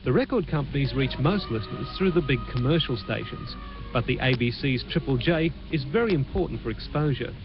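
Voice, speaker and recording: A man reporting an entertainment news story on TV, heard through a low quality stream of the broadcast. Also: animated, lo-fi sound, music in the background. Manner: measured, clear scripted delivery. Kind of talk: TV news report narration with chat to the anchor.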